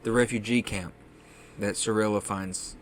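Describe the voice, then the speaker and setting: A man's voice: on the low side, steady tone, a little slow, a little hiss or hum. A man co-hosting a casual podcast, chatting enthusiastically and acting out quotes. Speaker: podcast co-host. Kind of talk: casual chat.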